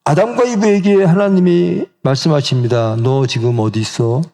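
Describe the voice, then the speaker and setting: A man's voice: a little high, steady tone, normal speed, dark tone. A middle-aged male pastor preaching a sermon in a church, asking the congregation questions and acting out the voices he quotes. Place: church sanctuary.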